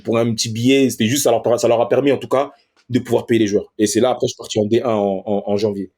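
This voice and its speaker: A man's voice: mid-range voice, level tone, fast talker, dark tone. A professional footballer, a man, telling a story as an interview guest in slangy street French and acting out other people in raised voices.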